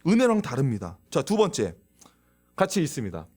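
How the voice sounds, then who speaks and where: A man's voice: medium pitch, a little fast, husky, soft background music. A man preaching a youth sermon in a church, asking the listeners questions and acting out voices. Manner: lively, acts out quoted voices, asks the audience questions. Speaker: youth pastor. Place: church sanctuary.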